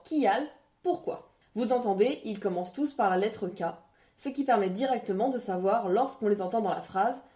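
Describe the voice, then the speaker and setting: Woman presenter, scripted lesson narration, clear and didactic. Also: fairly high pitch, dark tone. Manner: clear, didactic, spells out examples slowly.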